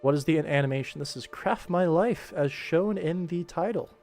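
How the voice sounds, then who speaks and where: Music runs in the background as this animation director hosts a livestream, talking casually while he works. His voice sits on the high side, a little mellow, at a moderate pace, and his humour is dry and tongue-in-cheek.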